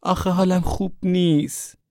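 A man's voice: sits high, little pitch movement, warm tone, no echo, studio quality, voice pushed up. Sulky queasy young woman, put on by a man. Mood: whiny, sickly.

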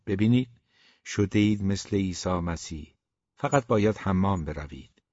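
A man voicing a young woman barber who talks to a man in a gently teasing, direct way, in a dull, dry recording. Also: sits low, lively intonation, no room sound. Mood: frank.

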